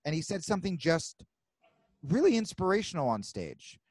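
A man hosting a podcast, chatting casually in an animated way with frequent swearing. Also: fairly high pitch, dry recording. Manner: animated, swearing, quick asides. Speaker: podcast host. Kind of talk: casual chat.

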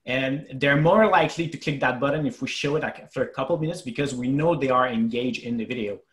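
A French Canadian man walks through technical points in an online webinar, pausing on fillers as he explains. His voice sits at a middle pitch and sounds roomy. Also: fairly bright tone. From Quebec, Canada. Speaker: web developer presenter. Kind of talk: webinar presentation.

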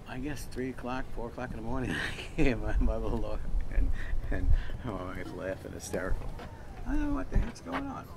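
Standing at an outdoor grill, an older cooking show host tells a long, rambling story, laughing frequently and repeating himself as he chats. His pitch is fairly low. Traffic passes by and outdoor ambience makes the recording noisy.

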